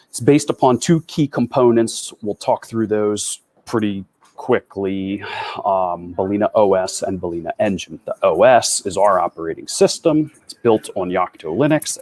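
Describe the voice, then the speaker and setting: Upbeat, low-voiced man presenting at a tech meetup. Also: darkish tone. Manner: fast, upbeat and conversational. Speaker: developer advocate presenter.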